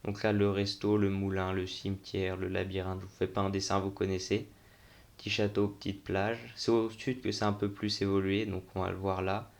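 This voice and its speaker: Speaking at normal speed, a young man who hosts gaming videos riffs casually through a game tour, reasoning aloud in slangy, everyday terms. His low-leaning voice is extremely flat and heavy with vocal fry.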